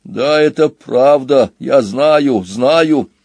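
A man's voice: medium pitch, very slow, darkish tone, dry recording, pitched above the performer's own voice. A man voicing a brash, eager young otter who talks indignantly, in a storybook reading. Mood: resigned.

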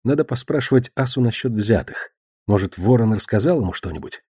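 Man reading an audiobook, mellow and dry. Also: medium pitch, expressive, brisk, husky, no room sound. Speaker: narrator. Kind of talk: audiobook narration.

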